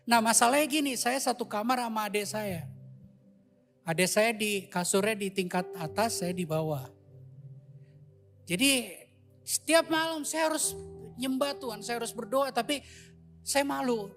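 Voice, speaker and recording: Man preaching with animated storytelling. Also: extremely high pitch, a little slow, pauses often, soft background music. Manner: storytelling, animated, addresses congregation. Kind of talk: sermon testimony.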